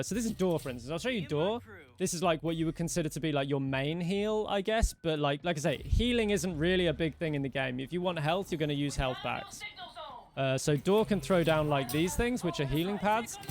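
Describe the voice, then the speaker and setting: A man's voice: a little high, lively intonation, a little fast, soft background music. A young man streaming a game live, chatting loosely with viewers and thanking followers as he plays. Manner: rambling, talks to chat, thanks followers by name. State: losing his voice. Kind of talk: casual live-stream commentary while playing.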